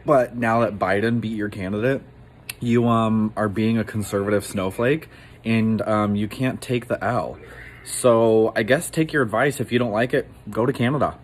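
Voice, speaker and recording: A man giving a sarcastic rebuttal with halting fillers. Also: fairly low pitch, fairly even intonation. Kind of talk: casual rebuttal video.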